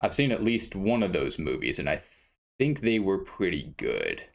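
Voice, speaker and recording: A man's voice: deep voice, huge pitch swings, normal speed, vocal fry. A man hosting an esports stream, chatting casually and wryly while sorting out audio problems. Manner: easygoing, wry. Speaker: esports tournament caster. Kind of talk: casual pre-show chat while fixing stream audio. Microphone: desk mic at a streaming setup.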